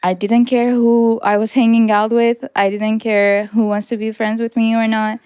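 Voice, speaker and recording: Speaking as an interview guest, an Iranian woman in her twenties, a native Persian speaker, gives personal testimony in an earnest, reflective way, restarting now and then and laughing lightly. Her pitch is fairly high and level, her pace normal, and her tone smooth and somewhat dark. There's no room sound, and the audio is studio quality.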